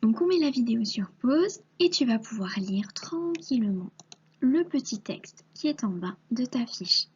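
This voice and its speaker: Slow, patient, breathy woman teacher. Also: fairly high pitch, big pitch swings, dull audio. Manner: slow, patient, sounds out syllables and letters; often drops to a soft breathy half-whisper. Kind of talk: recorded reading lesson for a young child.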